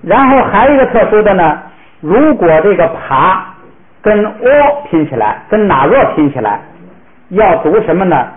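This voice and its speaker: A man teaching a classroom pronunciation lesson, patiently modeling words slowly for the class to repeat. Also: high-pitched, very animated. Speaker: language teacher. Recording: echoey room, tinny phone-like sound.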